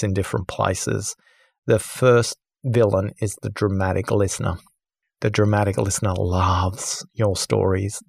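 Podcast guest guy, low gravelly voice, animated storyteller doing the voices, dry close mic. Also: no echo. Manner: lively, acts out the people in his stories. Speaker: podcast guest, listening expert.

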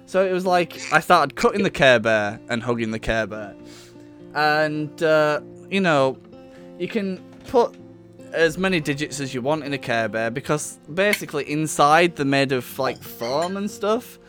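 A man's voice: a little high, fairly bright tone. A man hosting a comedy podcast, telling an improvised story in a profane, rambling way and laughing often.

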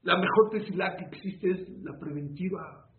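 A man delivers a rabbi's sermon, pressing his listeners with rhetorical questions and folding little stories into the lesson. His voice sits fairly high. The recording is thin and phone-like, with a roomy echo. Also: normal speed. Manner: preaching with rhetorical questions and storytelling. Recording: echoey, phone-like with faint room noise.

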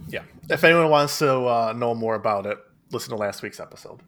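A man's voice: medium pitch, brisk, a bit bright. A man co-hosting a casual beer podcast, talking in an easygoing, dry joking way. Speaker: podcast co-host.

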